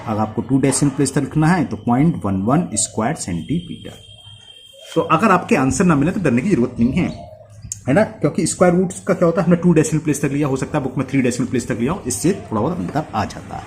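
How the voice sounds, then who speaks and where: A man's voice: a little high, lively intonation, fast talker, slight background noise. A man with an Indian accent teaching a maths lesson step by step, thinking aloud as he writes and checking in with the viewer.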